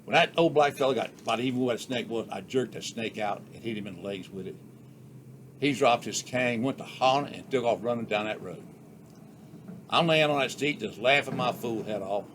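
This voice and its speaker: An older man telling funny stories from his childhood in a folksy, unhurried way. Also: medium pitch, fairly bright tone, a little hiss or hum. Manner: folksy, unhurried yarn-spinning with rural Southern US speech. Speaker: storyteller. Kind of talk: casual storytelling.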